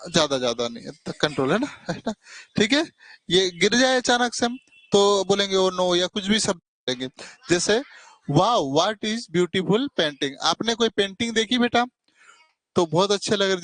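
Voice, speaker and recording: A man's voice: high-pitched, fairly bright tone, no echo. A male teacher giving a classroom grammar lesson, keeping his students engaged with frequent short tag questions and calling them "beta" affectionately. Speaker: English teacher.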